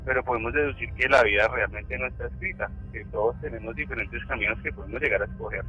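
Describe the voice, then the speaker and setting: A man's voice: mid-range voice, quick pace, dull audio. A man calling in to a radio show and giving his opinion, hesitating and searching for his words. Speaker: caller.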